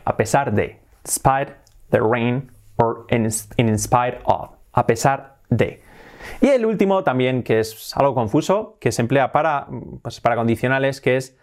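A young man with a Spanish accent, a native Spanish speaker, gives a casual video lesson, mixing Spanish explanations with slow, repeated English examples. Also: medium pitch. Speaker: English teacher.

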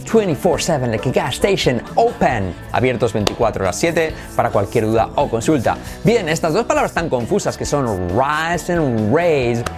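A man whose first language is Spanish, teaching English in an energetic video lesson and drilling words by repeating them. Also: medium pitch.

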